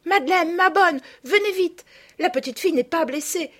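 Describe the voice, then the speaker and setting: A woman reading a storybook, voicing an eager, brave young girl with a high, urgent manner. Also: lively intonation, moderate pace. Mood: overjoyed.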